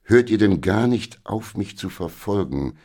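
A man's voice: fairly low pitch, animated, a little slow, vocal fry, dark tone, slightly rough, voice pushed up, full character voice. A man voicing a proud young knight who speaks curtly and dismissively, in a storybook reading. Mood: irritable. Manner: curt, dismissive. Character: proud young male knight, curt and irritable.

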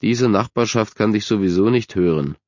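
A man's voice: fairly low pitch, normal speed, darkish tone, no room sound, close to an everyday voice. A man doing a sullen, sarcastic teenage boy. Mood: sulky. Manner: sarcastic, muttering. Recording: dull, dry recording.

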